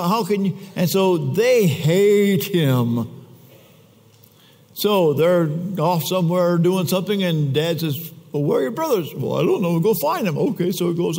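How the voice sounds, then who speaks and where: A man's voice: fairly high pitch, a little mellow. A man preaching a sermon in a church, telling the story in a casual, conversational way with chatty asides. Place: church sanctuary. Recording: long church reverb.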